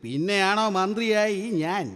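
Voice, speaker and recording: A man's voice: high-pitched, moderate pace, over loud music, lightly acted. A man playing a bumbling court minister in a live stage comedy skit, speaking in mock-formal courtly tones and tripping over his words. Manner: slips of the tongue, mock-formal courtly speech. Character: bumbling male minister of a king. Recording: hall reverb from a stage.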